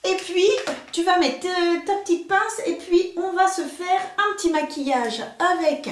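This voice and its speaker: Gushing beauty vlogger, middle-aged woman, high voice, roomy salon sound. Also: unhurried, a little hiss or hum. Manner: chatty, gushing, many fillers. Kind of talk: casual makeup tutorial chat.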